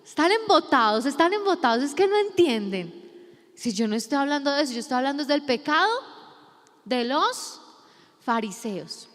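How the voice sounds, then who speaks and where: A woman preaches in a high, bright register, slipping into playful voices for the people in the Bible story. The sound has the long reverb of a church hall. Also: sing-song, normal speed, pauses often. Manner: playful, acts out Bible scenes in quoted voices. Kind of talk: sermon.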